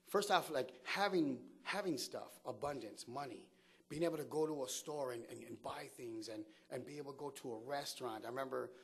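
A man tells his own life story in casual street slang, with a voice in a middle pitch for a man. He gets animated, playing out the people in his memories and laughing as he goes. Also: husky. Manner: animated, acts out quotes, laughs often. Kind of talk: personal life story told to camera.

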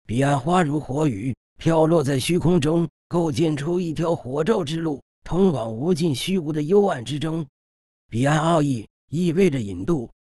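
A man narrating a fantasy audiobook in a steady, dramatic storytelling manner, recorded in a studio. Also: fairly high pitch, dry recording.

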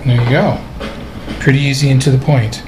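A man giving a relaxed, step-by-step cooking lesson over his video, explaining each move in a home kitchen. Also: mid-range voice, moderate pace, roomy sound, noisy background. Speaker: cooking instructor.

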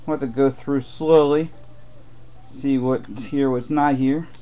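His mid-range voice stays steady, slow and mellow as he mutters through a live break, opening packs of trading cards. Faint crinkling of wrappers comes from behind, in a room where boxes rest on a desk.

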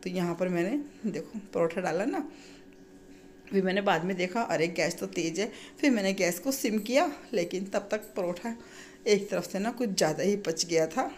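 A woman in her thirties from India talks through her morning in a casual home vlog, recorded in her kitchen. She sounds a little strained from a sore throat. She rambles warmly and pads her sentences with small fillers. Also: medium pitch, animated, normal speed. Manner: chatty, frequent filler "ना". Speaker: vlogger and mother.

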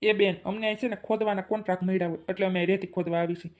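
A woman's voice: medium pitch, fairly even intonation, very fast, muffled recording, close to an everyday voice. A woman voicing an impatient young male digger operator in a cartoon comedy, speaking in a brusque, self-important way with a Kathiawadi Gujarati accent. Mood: blustering.

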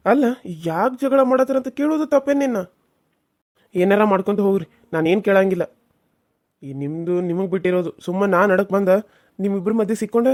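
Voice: mid-range voice, a little mellow, lightly acted. A voice actor playing a flustered, complaining married man in a cartoon serial, with a North Karnataka Kannada accent. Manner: exasperated, complaining. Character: flustered married man caught between two women.

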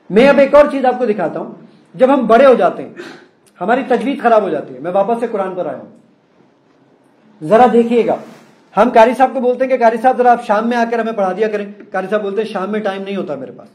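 A man's voice: high-pitched, a little mellow. Man demonstrating an app in an echoey hall. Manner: explanatory, addresses audience directly. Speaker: app founder giving a demonstration. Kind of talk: live presentation to an audience.

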